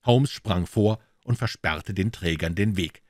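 Deep husky male audiobook reader. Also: dry recording, clean studio sound. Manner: measured, dramatic reading. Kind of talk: scripted narration of a classic detective story.

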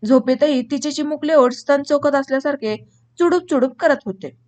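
A woman's voice: sits high, normal speed, a little mellow. A woman reading a novel aloud as an audiobook, switching into rustic village speech for the characters' dialogue. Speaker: audiobook narrator.

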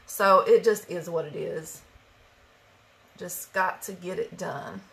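Country-accented lady doing her makeup live, chatty, reads off viewer names, bright voice. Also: on the low side, slow pace, creaky. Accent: Appalachian country. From West Virginia. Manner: chatty, greets viewers by name, animated. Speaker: makeup live-stream host. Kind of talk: casual live-stream chat while doing makeup.

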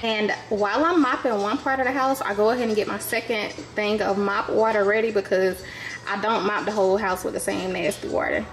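A woman's voice: mid-range voice, steady tone, fairly quick. A woman in her thirties chatting casually to the camera in a family vlog, talking to viewers as y'all and joking about her chores at home. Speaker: family vlogger. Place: home kitchen, indoors. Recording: echoey room with background noise.

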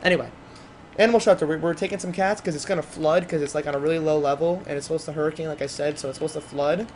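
A man giving casual, rambling gameplay commentary, chatting excitably to his viewers. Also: a little high, very fast, slight background noise.

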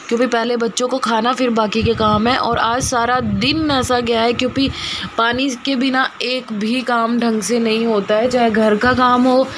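A hoarse housewife vlogger with a cold chats and rambles in a higher voice, leaning heavily on fillers during a casual daily vlog. It's shot on a phone camera, held selfie-style before being propped up across the room. The home kitchen recording is noisy, with a pump motor running.

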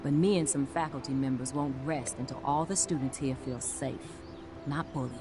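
A woman voicing an earnest, caring science teacher in a video game, speaking in a measured, explanatory way. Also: a bass voice, steady tone, music in the background. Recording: game audio under a livestream, with background noise.

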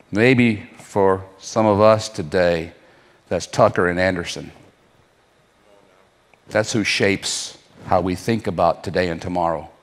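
A man preaching a sermon, asking the crowd rhetorical questions and leaving dramatic pauses. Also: fairly low pitch, a little mellow, long reverb tail. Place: church hall.

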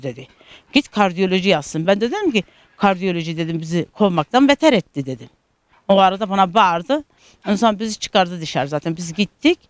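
A woman's voice: on the low side, no room sound. A middle-aged woman from Turkey telling a news interviewer about her struggles, in an aggrieved, repetitive storytelling manner full of reported speech. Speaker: interviewee, caregiving daughter.

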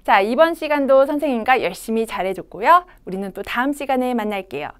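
A young Korean woman teaching English pronunciation to children, modeling each sound slowly for kids to repeat. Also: on the high side, animated, fairly bright tone, clean tone. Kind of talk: children's phonics lesson.

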